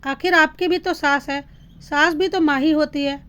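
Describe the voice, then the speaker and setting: A woman's voice: sits high, fairly even intonation, normal speed, a bit bright. A woman voicing a scolding young daughter. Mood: indignant. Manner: indignant, scolding. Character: young woman, sharp-tongued daughter scolding her sister-in-law.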